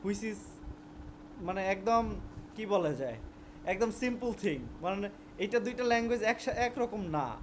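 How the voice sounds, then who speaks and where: High-pitched and often restarting his words, a young man from Bangladesh teaches an informal lesson in Bengali peppered with English, speaking with a Bangladeshi Bengali accent. There's a little background hiss or hum.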